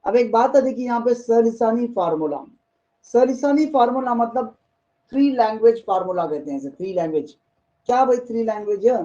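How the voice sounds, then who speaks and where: Man teaching exam prep, mellow lo-fi. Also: very high-pitched, expressive. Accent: Indian Urdu. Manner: repeats and rephrases, mixes English terms. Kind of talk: explaining exam questions. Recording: dull lo-fi recording.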